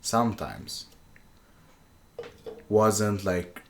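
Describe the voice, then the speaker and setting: A man's voice: lowish voice, animated, very slow. A young man whose first language is Swedish, co-hosting a casual film chat as a film student, often restarting sentences while he searches for the right words. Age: young adult. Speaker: podcast co-host, film student.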